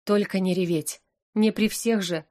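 A woman narrates a first-person story aloud with lively feeling. Her delivery slips between nervous and dryly amused, at a middle pitch. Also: a little slow. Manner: expressive, anxious and wry. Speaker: audiobook narrator.

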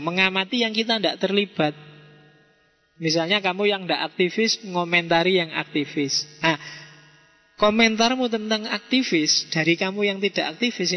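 A man's voice: high voice, bright, forceful tone. A man with a Javanese accent giving an informal philosophy lecture, conversational and teasing, with joking asides. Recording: dull lo-fi sound in a reverberant hall.

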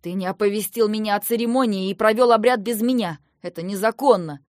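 A woman voicing a young male king who talks loudly and rawly, full of guilt and temper, recorded dry. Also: mid-range voice, a little fast, no echo, close to an everyday voice. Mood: stern. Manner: loud, raw, self-reproaching.

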